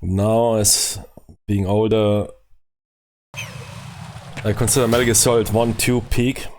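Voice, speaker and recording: A man casually commenting on a game stream, rambling and halting with many fillers. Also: on the low side, fairly even intonation. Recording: noisy stream mic with loud hum.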